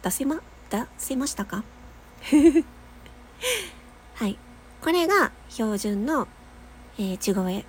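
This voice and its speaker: A young adult podcaster who teaches voice gives a casual lesson in a nasal, slightly high voice, chatty and expressive, laughing often and demonstrating long sustained notes. She takes her time, leaving long pauses. Faint noise runs underneath.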